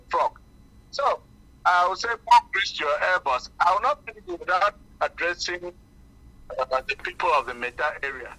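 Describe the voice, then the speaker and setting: Man on a car speakerphone, bright voice. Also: high voice, low-quality recording. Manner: hesitant, many fillers and restarts. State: driving while talking. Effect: car speakerphone call. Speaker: caller. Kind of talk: call-in radio talk.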